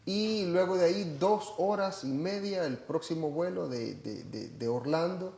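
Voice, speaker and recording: A man's voice: sits high, measured pace, vocal fry, darkish tone, reverberant. A Salvadoran man with a hesitant manner and lots of fillers, chatting about a church trip. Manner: hesitant, many fillers and restarts. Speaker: church member reporting on a trip. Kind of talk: casual chat.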